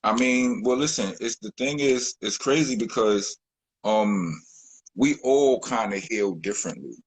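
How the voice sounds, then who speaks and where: A deep-voiced rapper, a man, rambles loosely through a casual interview as a guest, full of fillers and restarts. He sounds expressive and unhurried, with a husky timbre, on a rough recording.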